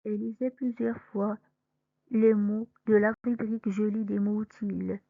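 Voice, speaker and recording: A woman teaching young children to read, sounding out letters and syllables slowly and deliberately. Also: medium pitch, little pitch movement, dry recording, narrow, tinny audio. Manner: spells letters then syllables, clear and deliberate. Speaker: reading teacher. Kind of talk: slow reading lesson for young children.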